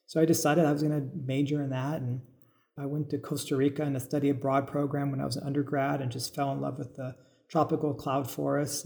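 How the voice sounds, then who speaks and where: A middle-aged American man from suburban California, a biologist turned farmer, appears as a podcast guest. In a medium-pitched, gravelly, slightly mellow voice, he gives thoughtful, informal explanatory answers, thinking aloud as he talks.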